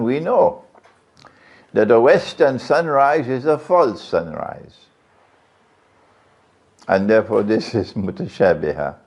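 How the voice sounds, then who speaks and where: A man's voice: gravelly, darkish tone. A man preaching a sermon, questioning his audience often. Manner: questions the audience, varies his pitch widely. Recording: lo-fi, dull sound.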